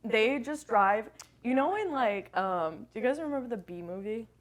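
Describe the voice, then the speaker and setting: A woman's voice: a little high, expressive, moderate pace. A young woman co-hosting a podcast in casual chat, laughing often and swearing freely. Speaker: podcast co-host.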